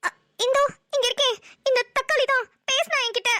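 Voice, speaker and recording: Nila, a woman voicing a squeaky jumpy young wife. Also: brisk, dry recording, clean studio sound. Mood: puzzled. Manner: squeaky, excitable, whiny pleading. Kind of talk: cartoon voice dubbing.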